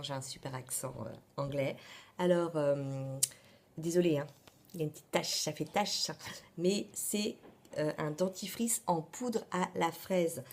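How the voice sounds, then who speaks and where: A woman talks to camera about her beauty favorites. Her voice sits a little low, and her delivery is chatty and full of pauses and asides. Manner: chatty, many hesitations and asides. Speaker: beauty vlogger. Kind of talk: casual beauty favorites vlog.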